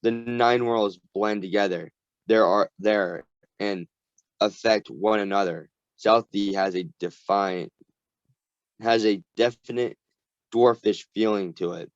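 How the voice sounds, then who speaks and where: A man voicing a gruff, world-weary male dwarf companion who explains things bluntly and matter-of-factly, read slowly from a storybook. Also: fairly low pitch, steady tone, no echo. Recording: dull lo-fi recording.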